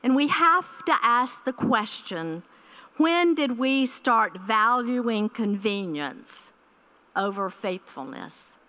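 A woman's voice: fairly high pitch, animated, slow pace, bright, forceful tone. A woman in her sixties giving an earnest keynote address at a church conference, speaking from a podium microphone on a hall stage and repeating key phrases.

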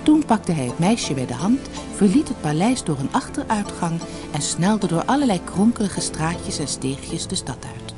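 A woman narrating a fairy tale in an expressive, measured storytelling manner. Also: on the low side, music in the background.

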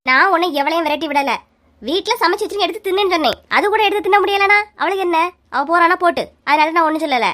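A woman's voice: very high-pitched, fast, pushed and bright. A woman with a Kanyakumari Tamil accent voicing a carefree, cheeky cartoon housewife who fancies herself a film star. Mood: indignant. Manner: breezy, unbothered, teasing. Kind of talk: cartoon comedy voice acting.

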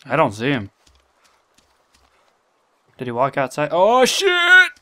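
A young man commenting live on his gameplay, talking to himself and getting excited. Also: mid-range voice, a little slow. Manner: excitable, talks to himself, swears and laughs.

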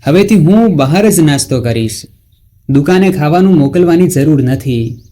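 A man voicing an angry young husband who shouts and scolds, read in a storybook narration. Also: on the high side, animated, moderate pace, lightly acted.

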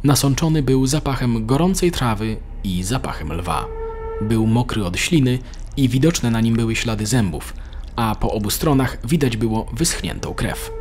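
A man narrating an animated story in a steady, measured manner. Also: mid-range voice, background noise. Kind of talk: scripted narration.

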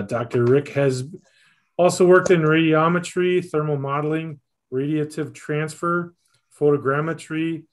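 A middle-aged man introducing a speaker on a video call from a small office, reading a bio with small slips and fillers. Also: fairly high pitch. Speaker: event host. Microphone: video call webcam.

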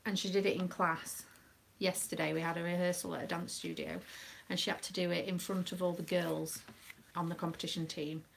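A woman's voice: lowish voice, little pitch movement, fairly quick, gravelly, few pauses, slight background noise. A British woman, a proud mother, chatting casually on a live stream with a rambling, um-filled manner. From United Kingdom. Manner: chatty, rambling, with many ums. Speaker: craft live-streamer and dance mum.

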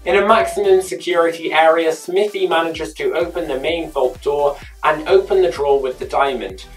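A chatty YouTube host narrates a scripted episode recap and drops in personal asides. The voice sits at a middling pitch. It is picked up from a distance, with faint music playing underneath. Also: moderate pace.

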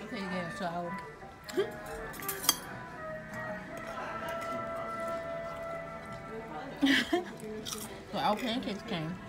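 A woman's voice: lowish voice, fairly quick, few pauses, loud music behind the voice. A young woman, chatting casually to camera for a vlog, laughing often and swearing freely. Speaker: vlogger. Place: restaurant, then car.

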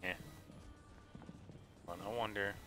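A man's voice: lowish voice, steady tone, measured pace, music in the background. A man streaming a video game live, chatting casually and thinking aloud with lots of fillers. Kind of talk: casual live gameplay commentary.

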